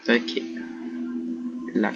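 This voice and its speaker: A man's voice: extremely slow, noisy background. A man chatting casually as he plays a co-op video game. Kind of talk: casual gaming chat during co-op play. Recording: dull lo-fi audio, other voices behind. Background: other people talking.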